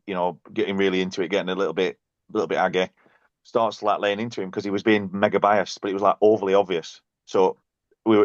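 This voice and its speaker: A man, a podcast guest and coach, telling self-mocking basketball stories in a casual, animated way. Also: deep voice, no room sound. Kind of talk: casual storytelling. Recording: dull, dry, lo-fi sound.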